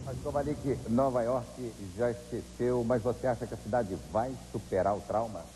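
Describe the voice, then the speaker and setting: A Brazilian man hosts the news, presenting and putting questions to reporters. His mid-pitched voice sits in long reverb with clear noise. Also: fairly even intonation, normal speed. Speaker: news show host.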